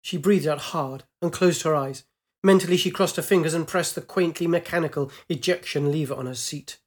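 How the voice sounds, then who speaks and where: A man narrates a science fiction story aloud in a measured, dramatic manner. His voice sits somewhat high for a man. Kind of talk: storybook reading.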